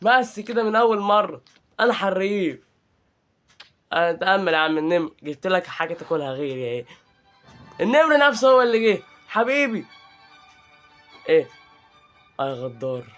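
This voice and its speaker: A young Egyptian man with a high voice narrates his gameplay, joking and needling the characters on screen. Faint music plays underneath his commentary. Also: lively intonation, brisk, pauses often, fairly bright tone. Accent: Egyptian Arabic. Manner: playful, teasing, trash-talking the game. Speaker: gaming channel host.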